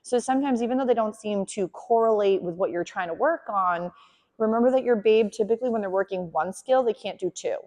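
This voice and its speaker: A woman dog trainer giving a hands-on lesson, explaining calmly and softly praising the dog. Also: mid-range voice, brisk, in a large hall.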